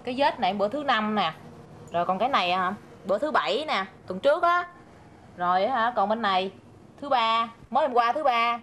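Sharp-tongued young Southern Vietnamese village girl, gossipy. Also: on the high side, animated, brisk, a little hiss or hum. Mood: gossiping. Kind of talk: rural comedy film acting.

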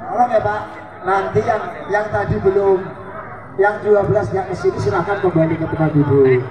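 A man with a Javanese accent booming out as a live prize announcer to a crowd at an outdoor event. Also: moderate pace, highs cut off. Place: outdoor volleyball court. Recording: distant echoing PA, loud crowd noise. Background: loud crowd.

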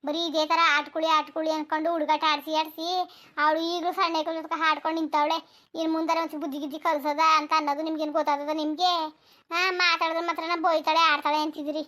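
A woman's voice: high-pitched, flat delivery, quick pace, pushed and bright. A woman voicing a fed-up village mother in a cartoon who scolds and complains at length. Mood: scolding. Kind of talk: cartoon voice acting.

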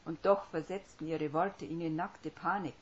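A woman reading a story aloud in a steady, measured way. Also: low-pitched, slight background noise. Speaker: audiobook reader. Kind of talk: scripted fiction narration. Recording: dull lo-fi recording.

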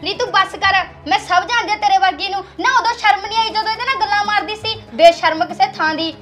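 A woman's voice: very high voice, quick pace, fairly bright tone, faint music behind. A woman playing a jealous young wife who taunts and accuses her husband and sister-in-law. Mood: accusing. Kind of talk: short film acting.

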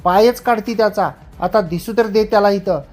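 A woman voicing a furious village mother who scolds her daughter in rough rustic speech. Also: medium pitch, normal speed, soft background music, close to an everyday voice. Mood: furious scolding. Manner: abusive rustic shouting.

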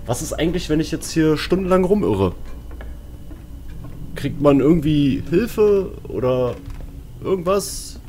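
His voice is on the high side and dark in tone, animated yet measured, with frequent pauses, as this let's play streamer mutters slangy horror game commentary to himself. There's a little hiss or hum, plus eerie game music and sounds behind him.

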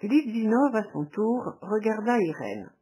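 Brief: woman audiobook narrator, slow and measured, warm, breathy. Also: mid-range voice, sing-song, poor audio. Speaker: audiobook reader.

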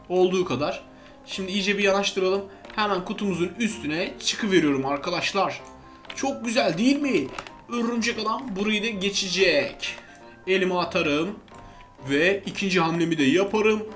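Gaming commentator, man, high voice, excitable and chatty, faint game music under him. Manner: chatty, groans and shouts when falling, addresses viewers as friends. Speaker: gaming YouTuber. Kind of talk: excited let's-play commentary.

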